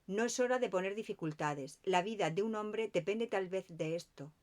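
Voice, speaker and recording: A woman's voice: medium pitch, normal speed, close to an everyday voice. A woman reading the lines of a meticulous Belgian male detective in an audiobook, with precise, insistent questioning. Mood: earnest.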